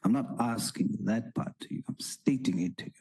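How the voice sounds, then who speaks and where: A man's voice: mid-range voice, fairly quick, darkish tone, slightly rough, rough recording. A man questioning a witness at a formal hearing, pressing hard and repeating his questions. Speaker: parliamentary committee member.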